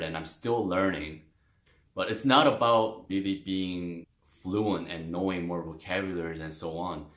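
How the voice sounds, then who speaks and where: A low-voiced, slightly bright man, Korean by first language, hosts a video explaining a career in casual talk to camera. His delivery is loose and friendly with many "like" and "you know" fillers, and the recording has a roomy echo.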